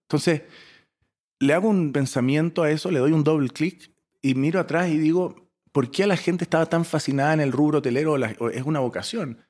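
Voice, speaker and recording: A lively Chilean man in his forties, interviewed as a startup founder. He tells his stories with energy, jumping from loud bursts to soft asides and slipping English phrases into his speech. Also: a little high. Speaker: startup founder and CEO, guest. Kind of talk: animated storytelling interview.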